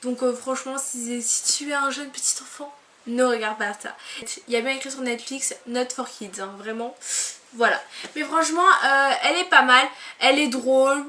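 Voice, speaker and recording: Bright-voiced young woman vlogging casually. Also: high-pitched, normal speed. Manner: chatty, filler-heavy and relaxed. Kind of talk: casual chat to camera. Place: bedroom, on her bed.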